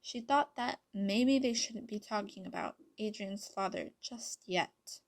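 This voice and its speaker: A young woman narrating a fan story in an unhurried, even reading voice. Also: mid-range voice. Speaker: fanfiction reader.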